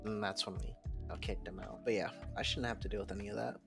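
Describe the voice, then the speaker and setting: A man's voice: on the low side, fairly even intonation, quick pace, gravelly. A man, a former hotel night clerk, telling blunt, rambling stories about his old job in a casual vlog. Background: background music.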